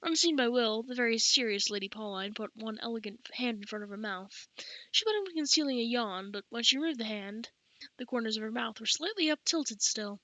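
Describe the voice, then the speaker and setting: A woman's voice: on the high side, lively intonation, a little fast, bright, forceful tone, no room sound, poor audio. A woman narrating an audiobook, who corrects her own reading slips aloud as she goes. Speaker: audiobook reader.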